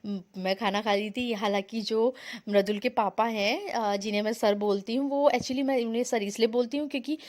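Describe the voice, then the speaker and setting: A woman's voice: a little high, fairly even intonation, normal speed, a little mellow. A young woman from India narrating her family vlog in a chatty, rambling way, mixing in English words. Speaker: vlogger.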